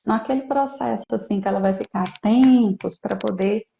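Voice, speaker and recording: A woman therapist speaks as a guest on a live video call, calm and explanatory, often checking in with short tags. Her voice is mellow and soft-edged. The call sounds dull and echoey. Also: mid-range voice, normal speed, gravelly. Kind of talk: live online interview.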